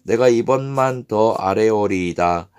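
A man's voice: fairly low pitch, unhurried, darkish tone, clean tone, close to an everyday voice. A man voicing an aged male patriarch who pleads earnestly and humbly, in a scripture reading. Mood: pleading. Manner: earnest, deferential appeals.

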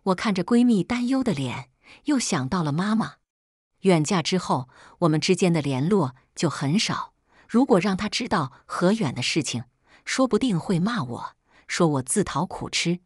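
Woman reading a first person story, husky low voice, dry close sound. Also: no echo. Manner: calm, measured storytelling. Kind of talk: scripted first-person narration.

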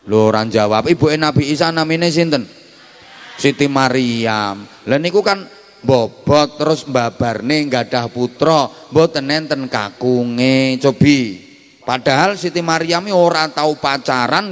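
A man's voice: medium pitch, lively intonation, measured pace. A male preacher with a Javanese accent giving a humorous sermon, teasing and quizzing his audience as he talks. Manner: jokey, mixes Javanese and Indonesian, quizzes the audience. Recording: hall reverb.

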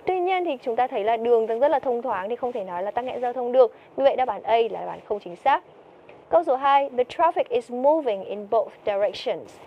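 A woman's voice: fairly high pitch, animated, brisk, lo-fi sound. A woman teaching TOEIC vocabulary, who keeps asking her students questions and answering them herself. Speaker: English teacher.

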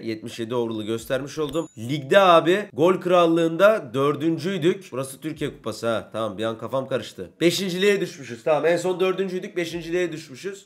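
A young man giving casual, excitable commentary over his own football video game session, chatting to in-game teammates and to his viewers. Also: mid-range voice. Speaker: gaming YouTuber.

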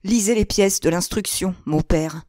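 A woman's voice: mid-range voice, unhurried, darkish tone, no room sound, clean studio sound, lightly acted. A woman reading the lines of an anguished young man who stands accused, a proud son, in her own plain reading voice. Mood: bitter.

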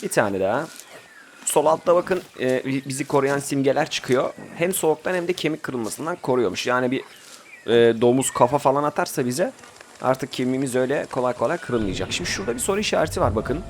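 A man's voice: mid-range voice, expressive, a little fast, slight background noise. A young man giving casual commentary while he plays a survival game, chatting and ordering his group around, with sudden outbursts. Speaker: gameplay commentator. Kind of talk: casual Let's Play commentary.

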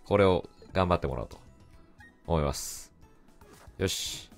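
A man giving casual, excitable commentary over his own gameplay and often shouting back at the game. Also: low voice, measured pace, creaky. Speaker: let's play commentator. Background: faint game music.

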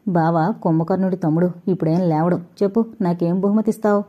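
A woman's voice: fairly low pitch, steady tone, fast, natural voice. A woman reading the lines of a teasing, short-tempered young man in an audio novel, with a mocking, playful manner, on a dull lo-fi recording.

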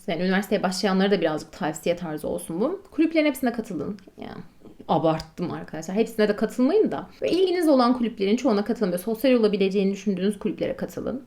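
A woman's voice: medium pitch, warm tone. A woman in her twenties chatting casually to camera, telling stories with self-mocking humor and frequent laughter. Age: 20s. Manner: chatty, self-mocking, laughs often, acts out own quotes. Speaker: vlogger, medical doctor. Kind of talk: casual storytelling chat.

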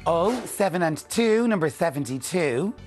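A man in his forties works as a bingo caller on a TV game show, calling numbers in a rhythmic, repeating presenter style. His fairly high voice has lively intonation at a moderate pace, on a lapel mic in an indoor studio with music behind.

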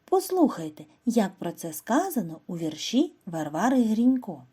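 A woman giving a scripted reading and spelling lesson to first graders, speaking slowly and clearly and asking the children questions. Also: mid-range voice, very animated, dark tone. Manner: slow, clear, instructive delivery with questions to children. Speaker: primary school teacher.

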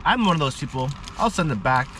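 A man reviewing fast food in a casual, chatty way while chewing his food. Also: a little high, noisy background. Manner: relaxed, chatty, musing. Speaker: food vlogger.

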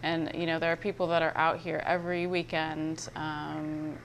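Earnest low-voiced woman volunteer. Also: flat delivery, normal speed, a little hiss or hum. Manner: earnest, with many fillers. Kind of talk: news interview soundbite.

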